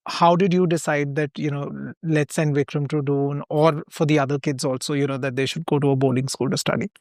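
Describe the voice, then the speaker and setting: A man's voice: a little high, flat delivery, fairly quick, darkish tone, no room sound. A man with an Indian accent asks questions as an interview host. His delivery is conversational and quite level in melody. The recording is dry, with hardly any room sound.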